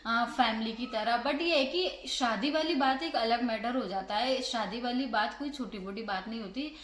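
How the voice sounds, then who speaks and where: A woman's voice: fairly high pitch, moderate pace. Chatty Rajasthani woman in an echoey room. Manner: relaxed, talks in long chatty runs with many fillers. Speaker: vlogger, co-host with husband. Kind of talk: casual couple vlog chat. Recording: echoey room, faint background noise.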